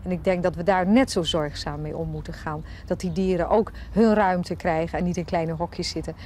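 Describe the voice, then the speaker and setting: Earnest woman with a lower voice, speaking thoughtfully in an interview about animals. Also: steady tone, moderate pace, a little mellow, slight background noise. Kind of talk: casual interview answer.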